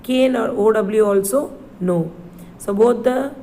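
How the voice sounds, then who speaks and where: A woman teacher reading a story line by line to children, spelling words letter by letter and repeating them slowly. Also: a little high, mellow, a little hiss or hum, poor audio.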